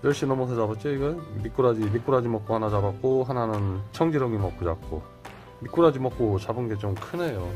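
A middle-aged man hosting a fishing channel, talking to himself with excited exclamations as he fishes outdoors at night by a muddy waterway. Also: medium pitch, a little fast, soft background music. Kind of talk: fishing vlog commentary.

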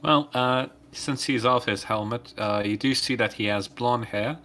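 Bright-voiced joking man player. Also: medium pitch, unhurried. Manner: joking, loose, many fillers. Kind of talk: tabletop role-play over voice chat.

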